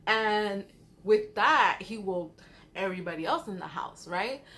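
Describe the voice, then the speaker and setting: A storyteller shares casual spooky tales with background noise behind her. Her mid-range, fairly bright voice has lively intonation and moves a little slowly. She chats in slang and performs the characters' lines.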